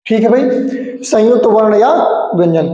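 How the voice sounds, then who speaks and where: A man's voice: sits high, moderate pace, dark tone. A young man teaching an exam-prep grammar lesson, asking questions and answering them himself, with frequent "theek hai" check-ins. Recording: very echoey room, long reverb, dull sound.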